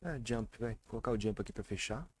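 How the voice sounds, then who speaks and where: A man's voice: on the low side, animated, fast talker, husky, no room sound. A man from Brazil teaching English pronunciation in a casual online lesson, chatty, often repeating sounds with emphasis.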